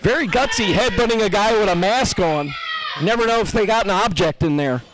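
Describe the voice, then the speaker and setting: High voiced guy doing play-by-play, jokey, keeps yelling oh at big moves. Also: fairly quick, very noisy. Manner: excitable, joking, lots of fillers. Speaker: play-by-play commentator. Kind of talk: wrestling commentary.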